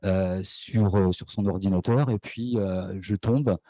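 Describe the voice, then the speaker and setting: A man's voice: sits low, fairly even intonation, a little slow, warm tone, dry recording. A man with a French accent giving an academic conference talk, hesitant, with many fillers and restarts. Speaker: lecturer. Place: university lecture hall.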